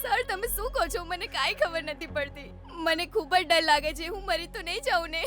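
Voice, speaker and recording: A woman's voice: very high-pitched, animated, normal speed, over music. A terrified, tearful schoolgirl. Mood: frightened. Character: frightened young schoolgirl, crying.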